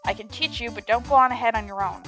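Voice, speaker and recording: Quiet gentle game hero, patient and reassuring, bright tone as a woman reads it. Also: on the high side, quick pace, faint music behind.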